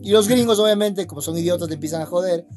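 A man's voice: sits high, fast, darkish tone, soft background music. A young man, co-hosting a podcast and telling stories in laid-back slang. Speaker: podcast co-host. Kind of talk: casual chat.

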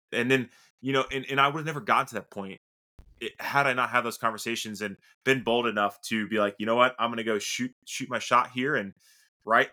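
A man hosting a podcast interview, talking excitedly and quickly until he runs short of breath. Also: mid-range voice. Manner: excited, rapid, talks himself out of breath. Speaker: podcast host. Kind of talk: casual interview talk.

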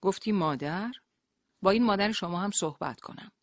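A narrator voicing a male police interrogator who questions with polite, feigned calm in an audiobook. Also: mid-range voice, no echo, clean studio sound, pitched above the performer's own voice, close to an everyday voice. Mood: cool pressing.

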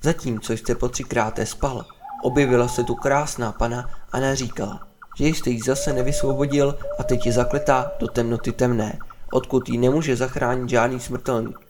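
A disloyal servant fawns on his masters while eyeing a reward, as a man plays him. His tone is obsequious and sly. Clear background noise sits under the voice. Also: medium pitch, level tone, natural voice. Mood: reporting. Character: greedy, disloyal male servant.

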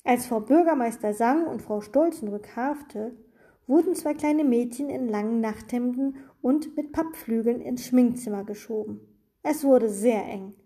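A woman reading a children's book aloud in a steady manner. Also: fairly high pitch, a little slow.

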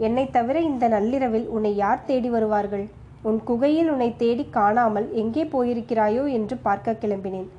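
A woman reading the lines of a stern, scheming male Buddhist monk in a storybook, in a low, grave questioning tone. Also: normal speed, mellow, muffled recording, a little hiss or hum, natural voice. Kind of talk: audiobook character reading.

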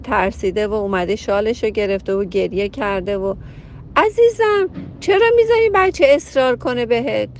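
A woman's voice: medium pitch, slight background noise. Woman counselor, direct and emphatic advice talk, mid-range voice. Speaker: family counselor. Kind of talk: reading a listener's letter and giving advice.

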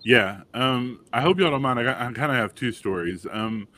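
A man, telling a personal story on a panel, halting with fillers and restarts but animated when quoting others. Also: medium pitch. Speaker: panel guest father.

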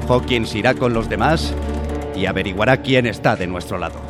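Actor playing a stern, curt ship's captain. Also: male voice, lowish voice, normal speed, over loud music, lightly acted. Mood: grave, measured. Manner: curt, commanding. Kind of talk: Spanish radio drama acting.

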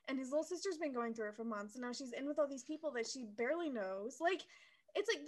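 A young woman co-hosting a podcast, chatting casually and ranting heatedly, with a lot of swearing. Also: high voice. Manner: animated, swears, heated rants with quoted voices. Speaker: podcast co-host. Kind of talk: casual chat.

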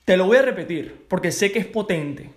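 A man's voice: high-pitched, lively intonation, a little fast. A man hosting a network marketing podcast, giving an emphatic motivational monologue and often checking in with "ok?". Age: adult parent. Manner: emphatic, keeps asking "ok?".

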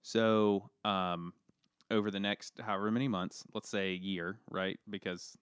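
A man's voice: fairly low pitch, fairly even intonation, measured pace, clean tone, dry recording. A man co-hosting a casual podcast chat, rambling with lots of fillers and poking fun at himself. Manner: rambling, filler-heavy, self-deprecating. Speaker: podcast co-host.

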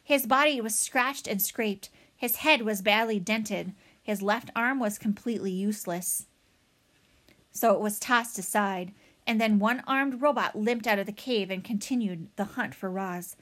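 A woman reading a children's novel aloud in a dramatic, expressive way. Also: mid-range voice, unhurried. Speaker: audiobook reader. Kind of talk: storybook read-aloud.

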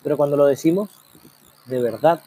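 Male host, reflective monologue, slightly raised pitch, mellow dark tone, many rhetorical questions. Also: slight background noise. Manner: musing, full of rhetorical questions, slow drawn-out pauses. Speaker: program host.

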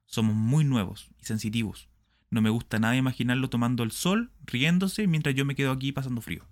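A man's voice: medium pitch, brisk, natural voice. A man voicing a resentful male puppet double that complains about being shut away. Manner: complaining, aggrieved.

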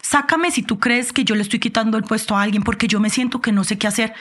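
A woman's voice: on the high side, fast talker. A woman in her thirties, born in Miami and raised in Colombia, talking expressively as a guest in an interview. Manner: animated, expressive storytelling with frequent "o sea". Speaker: guest, TV host and actress. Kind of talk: casual interview chat.

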